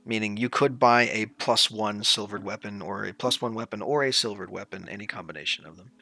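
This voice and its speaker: A man acting as game master, narrating and explaining rules in a casual, sweary way with halting descriptions. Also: on the low side, creaky, pushed and bright, dry recording.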